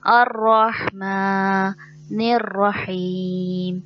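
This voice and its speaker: Lady teaching quran recitation, real slow n careful, drags out sounds, kinda muffled recording. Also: medium pitch. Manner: slow, deliberate, drawing out sounds to demonstrate recitation. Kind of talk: tajweed lesson.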